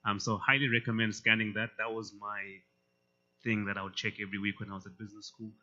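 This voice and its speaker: A man emceeing a student pitch competition in a casual way, with many fillers between announcements. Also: level tone, fast talker, sharp tone. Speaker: event emcee. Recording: slightly muffled event audio.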